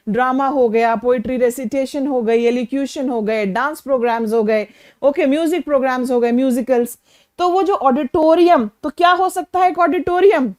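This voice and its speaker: Woman teacher with a high, bright voice; quizzes her class and checks they follow, slowing to spell out words. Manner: asks students questions and often checks with "okay" and "clear"; slows down to spell and define words in English. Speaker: English vocabulary teacher. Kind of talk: Hinglish classroom lesson.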